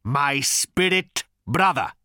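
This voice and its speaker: A man voicing a bitter, vengeful male creature who snarls and hisses slowly and with menace in an audiobook. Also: on the high side, expressive, pushed and bright, no echo, clean studio sound, pitched above the performer's own voice, exaggerated voice. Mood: menacing. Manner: snarling, hissing, slow and menacing. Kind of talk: audiobook character voice.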